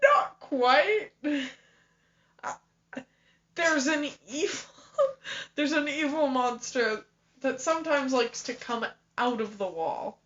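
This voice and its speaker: A woman's voice: high voice, slow. A young woman co-hosting a casual podcast, giggly and a little hesitant as she explains things. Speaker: podcast co-host. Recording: dull lo-fi home recording.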